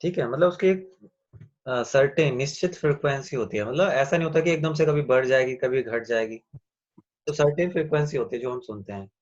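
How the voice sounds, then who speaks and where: A man's voice: medium pitch, a little mellow, lo-fi sound. Man teaching an online class. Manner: explains slowly, asks and answers his own questions.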